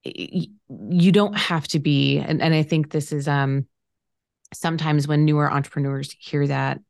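A woman in her late thirties, a podcast host, talking in a casual, affirming way, slowly drawing out her phrases with fillers. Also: low-pitched, fairly even intonation, creaky, a little mellow, dry recording, studio quality. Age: late 30s. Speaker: podcast host, financial planner. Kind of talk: casual conversation.

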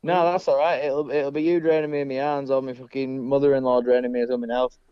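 A man with a mid-pitched voice, heard through dull, lo-fi sound. He spins casual stories in a rambling, self-mocking way and swears freely. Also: little pitch movement, quick pace. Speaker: guest telling stories. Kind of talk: casual storytelling banter. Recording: dull, band-limited sound.

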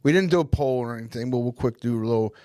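A man's voice: mid-range voice, racing, darkish tone, no echo, clean studio sound. A man co-hosting a podcast, chatting casually and hesitantly with lots of fillers. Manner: loose, hesitant, full of fillers. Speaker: podcast co-host. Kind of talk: casual chat.

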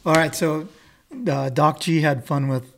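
A middle-aged man hosting an interview, chatty and friendly, asking questions and giving quick backchannels. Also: a little high, fairly even intonation, gravelly, crowd noise. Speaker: interviewer, host. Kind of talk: casual interview.

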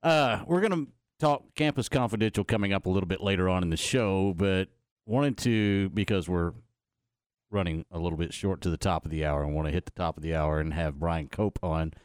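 A man's voice: low-pitched, fairly quick, clear, resonant tone, no room sound, clean studio sound. A man hosting sports radio, presenting talk and updates to listeners.

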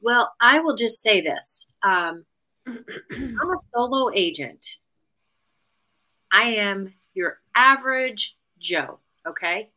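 A woman's voice: fairly high pitch, expressive, slow pace, sharp tone, rough recording. A middle-aged woman, a real estate agent, chatting as a podcast guest and telling stories with lots of fillers and restarts. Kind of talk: casual podcast interview.

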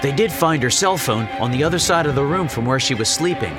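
A man narrating a horror story in a low, hushed, suspenseful way. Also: expressive, brisk, over music. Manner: low, hushed and suspenseful, jumping higher in dialogue.

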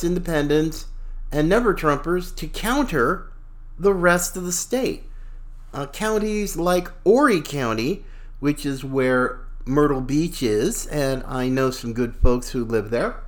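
Slow-paced man hosting political talk. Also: fairly high pitch. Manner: folksy, opinionated, slangy. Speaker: talk show host. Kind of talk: casual political commentary.

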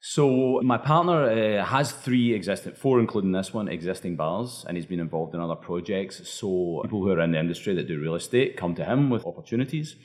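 A man's voice: deep voice, fairly quick, few pauses. A man with a thick Scottish accent answering interview questions conversationally as a bar owner. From Scotland.

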